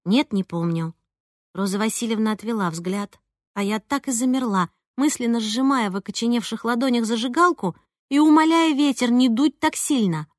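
A woman reading a first-person audiobook in an expressive, lively way. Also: fairly high pitch, fairly quick, no room sound, clean studio sound. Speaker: audiobook narrator.

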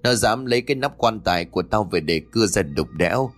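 A man voicing a vengeful river spirit speaking through an old man, gruff and cursing. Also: lowish voice, lively intonation, fast. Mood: spiteful.

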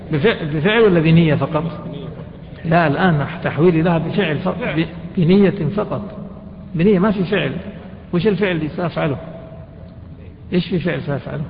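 In a jurisprudence class, a man lectures on a text, frequently quizzing his students and tossing in colloquial asides. His voice is a little high with vocal fry, and the lecture hall recording sounds dull and reverberant, with slight background noise.

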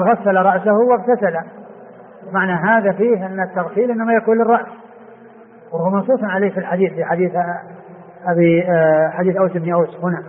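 Man teaching hadith over a tinny line. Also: high-pitched. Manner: explains slowly, repeats phrases, many fillers. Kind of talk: classical Arabic lesson commentary. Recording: tinny phone-like lo-fi recording with faint hiss.

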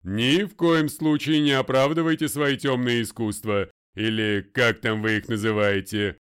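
Brief: man voicing a booming, commanding older lawyer, deliberate, smooth and resonant tone. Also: steady tone, lightly acted. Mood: stern. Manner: loud, commanding, slow and deliberate. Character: stern, domineering older male lawyer, a father. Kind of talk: audiobook character voice.

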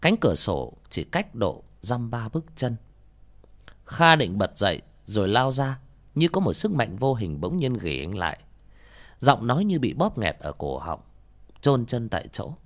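A man's voice: medium pitch, big pitch swings, unhurried. A man narrating a horror story with dramatic, swinging intonation.

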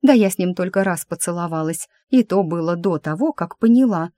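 A woman doing a snappy, sharp-tongued young woman. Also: lowish voice, animated, brisk, no echo, natural voice. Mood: exasperated.

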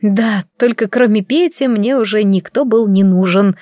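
A woman's voice: mid-range voice, normal speed, dark tone, no echo. Female audiobook narrator, mid-range voice, wry conversational first-person read, dry studio.

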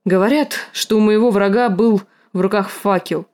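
A woman reading an audiobook, voicing a scarred, bitter, hulking male warrior with a rasping, gruff, slow and menacing delivery. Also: medium pitch, a little mellow, lightly acted.

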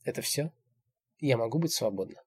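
A man's voice: mid-range voice, lively intonation, moderate pace, husky, no echo. A man voicing a pleading frightened young woman. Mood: wary. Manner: pleading, timid.

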